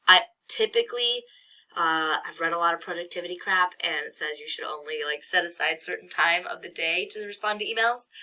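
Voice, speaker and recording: A young woman teaching a college class, chatty and self-deprecating, her voice thick and congested with a cold. Her tone is very bright and sits a little low in pitch. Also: rough recording. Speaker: college math instructor. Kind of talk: screen-recorded course tour.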